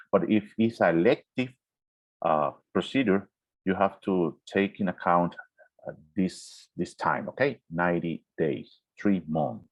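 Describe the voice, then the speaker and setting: Man, deep voice, surgeon, careful explaining, many fillers, dull dry video-call sound. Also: no room sound. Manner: careful, explains slowly with frequent fillers and checks of okay. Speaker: orthopedic surgeon answering questions. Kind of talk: answering questions in a webinar. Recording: muffled, dry online call audio.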